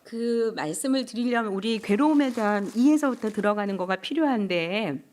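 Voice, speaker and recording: Animated middle-aged woman lecturing. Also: a little high, moderate pace. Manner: animated, acts out quoted voices of parents and children. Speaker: seminar speaker. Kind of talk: church healing seminar lecture. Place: church.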